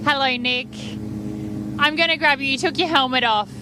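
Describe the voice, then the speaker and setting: A woman reports live from beside a race track, interviewing competitors. Her voice is high, with clear vehicle noise around her outdoors. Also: normal speed. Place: outdoors at a race start-finish line.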